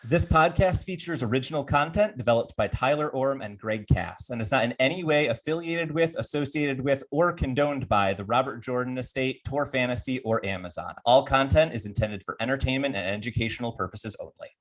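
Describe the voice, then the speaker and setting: A man co-hosting a podcast, talking in a relaxed, matter-of-fact way and reading the show's closing lines. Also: mid-range voice, fairly quick, few pauses, poor audio. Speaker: podcast co-host. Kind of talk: casual podcast chat and read outro.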